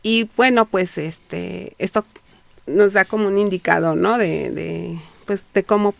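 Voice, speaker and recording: Gravelly Mexican woman explaining history. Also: medium pitch, unhurried. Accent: Mexican Spanish. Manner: explanatory, many fillers and restarts. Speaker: historian guest. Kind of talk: radio interview. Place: radio studio. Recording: dry radio studio.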